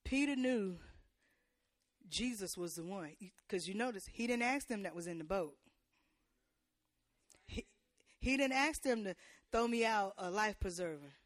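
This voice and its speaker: A woman preacher delivering a sermon in church. She uses call-and-response and playful asides to the congregation, and her preaching builds to loud, emphatic peaks. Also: mid-range voice, lively intonation, a little slow, long pauses, no room sound, studio quality.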